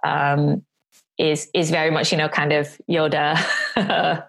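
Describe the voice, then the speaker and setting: A woman's voice: low voice, flat delivery, unhurried, gravelly. A woman, a chatty interview guest who talks with frequent ums. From north of England. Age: 40s. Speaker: guest, business owner. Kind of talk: casual interview chat.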